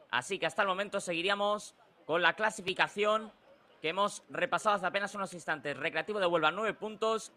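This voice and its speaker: Bright, forceful Spanish man calling goals. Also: high voice. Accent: Spain. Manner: breakneck, excitable goal commentary with drawn-out goal shouts. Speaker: sports commentator. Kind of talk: live football play-by-play commentary.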